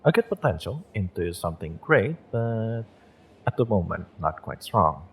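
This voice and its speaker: A man voices a kind, supportive tarot reader who runs a magick shop, in an intimate audio roleplay. His delivery is measured, mystical, and comforting yet very animated, with a lowish voice and slight background noise.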